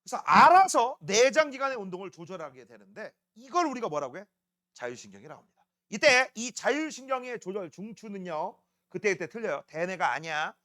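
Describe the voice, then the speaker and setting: A man's voice: high-pitched, very animated, brisk, pushed and bright. A man teaching a middle school science class, joking and teasing students and constantly asking if they follow. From South Korea.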